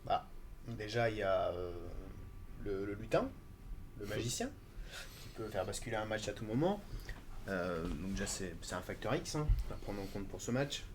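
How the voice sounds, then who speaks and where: Male pundit, low voice, halting, faint ambience behind him. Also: background noise. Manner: hesitant, frequent fillers. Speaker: football pundit. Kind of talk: casual live-stream discussion.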